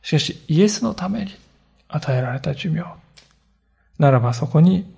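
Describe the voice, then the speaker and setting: A man preaching a sermon as a pastor, telling the story with earnest, animated delivery. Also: a little high, normal speed, creaky, husky.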